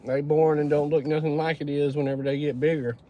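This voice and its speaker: A man's voice: on the high side, level tone, quick pace, muffled recording. A Texan man hosting a casual livestream, chatting in a folksy way and greeting viewers by name. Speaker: livestream host. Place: pickup truck.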